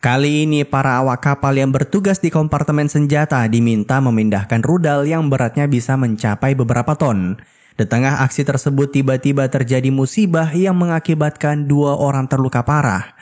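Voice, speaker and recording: A man's voice: mid-range voice, fairly quick, darkish tone. A man narrating a film's plot as scripted storytelling with casual asides. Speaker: film recap narrator.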